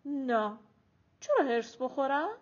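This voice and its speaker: A woman reading an audiobook, voicing a playful young woman who speaks in a high, drawn-out, teasing way. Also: big pitch swings. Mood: laughing. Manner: bright, drawn-out, playful delivery. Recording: dull lo-fi audiobook recording.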